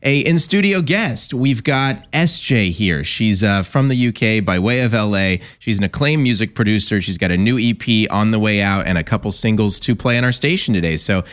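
Smooth-voiced easygoing male radio host. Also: fairly low pitch, lively intonation, fairly bright tone. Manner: easygoing, halting with fillers. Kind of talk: radio interview. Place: radio studio.

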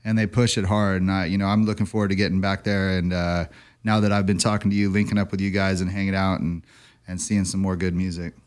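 A man's voice: low voice, little pitch movement, fast, clear, resonant tone. A man hosting a radio show, interviewing a guest in an easygoing, enthusiastic and respectful way.

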